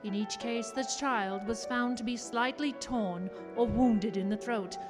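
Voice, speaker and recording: A woman performs a formal newspaper narrator in a gothic radio drama. Her voice is quite high, measured and ominous. Prominent music plays along behind her. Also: lightly acted. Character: female reader of a lurid newspaper report. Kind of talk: formal scripted news reading in radio drama.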